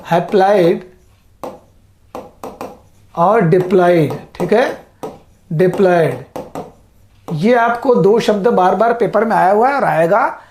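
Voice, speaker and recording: A woman teacher gives a whiteboard lecture on biology terms, addressing students as "साथियों", repeating key words, drilling terms slowly and checking understanding with "ठीक है" after each point. Her voice is medium-pitched and darkish, with slight background noise.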